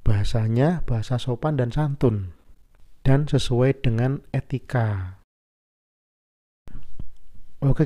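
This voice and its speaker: A man's voice: mid-range voice, warm tone. A man, a primary school teacher patiently explaining a lesson and asking his pupils questions.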